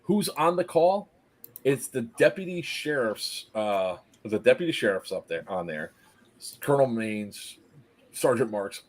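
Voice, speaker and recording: A man in casual conversation on a stream, telling an animated story, acting out quotes, laughing and swearing freely. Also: fairly low pitch. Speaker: stream co-host.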